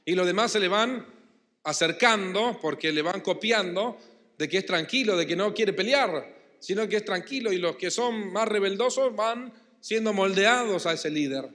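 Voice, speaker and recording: A pastor from Argentina with a Rioplatense Spanish accent, preaching emphatically and having the congregation repeat and answer. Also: male voice, sits high, expressive, moderate pace, a bit bright. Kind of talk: sermon. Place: church hall. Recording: long church-hall reverb.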